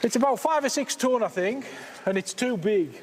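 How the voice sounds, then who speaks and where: A man's voice: very high voice, lively intonation, normal speed. A man with a Cumbrian accent explaining his work casually as a miner, plain-spoken and a little hesitant. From Cumbria, England. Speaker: slate miner and mine owner. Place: inside an underground slate mine. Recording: reverberant underground space.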